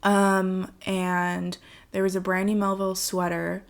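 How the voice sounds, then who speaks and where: A young woman from Los Angeles, co-hosting a laid-back podcast. She tells stories in a chatty way, scattering "like" through her sentences at a middle pitch. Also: monotone, vocal fry. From Los Angeles, USA. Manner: chatty storyteller, quick valley-style "like" fillers. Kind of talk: casual chat.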